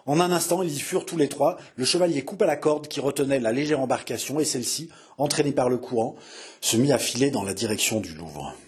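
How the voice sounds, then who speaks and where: A man's voice: mid-range voice, lively intonation, a little fast, husky. A man reading an adventure novel aloud in a dramatic narrating style. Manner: dramatic, builds intensity. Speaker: audiobook narrator.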